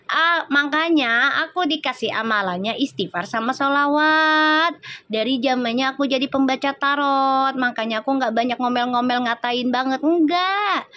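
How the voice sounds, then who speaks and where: A woman's voice: sits high, fairly bright tone, dry recording. A woman from Indonesia, a tarot reader chatting casually with viewers on a live stream, teasing and answering comments, slipping into short prayers. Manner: slips into singing and quick prayers.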